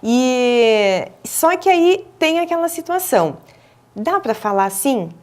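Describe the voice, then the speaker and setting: Higher-voiced Brazilian woman explaining patiently. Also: very animated, slow pace. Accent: Brazilian Portuguese. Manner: didactic, with frequent hesitant fillers and restarts. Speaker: speech therapist and professor, interview guest. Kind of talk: explanatory interview answers. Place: television studio.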